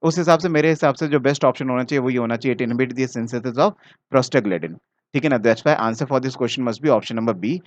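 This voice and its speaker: A man's voice: mid-range voice, moderate pace, dry recording. A man with an Indian accent, teaching chemistry and working through exam solutions step by step, mixing English terms into his speech and often checking in with the student. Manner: talks directly to the student, often checking "ठीक है ना". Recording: dry, slightly dull mic sound.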